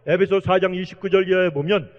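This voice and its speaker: High-voiced pastor preaching in a reverberant hall. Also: male voice, fairly even intonation, fast talker. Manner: earnest, exhorting, repeatedly addresses the congregation. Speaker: senior pastor. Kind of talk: sermon. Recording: dull, reverberant church hall recording.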